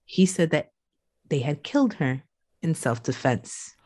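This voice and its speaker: Brief: woman, lowish voice, casual true crime podcast storyteller. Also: lively intonation, unhurried, darkish tone, no room sound, clean studio sound. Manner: loose and chatty, with swearing.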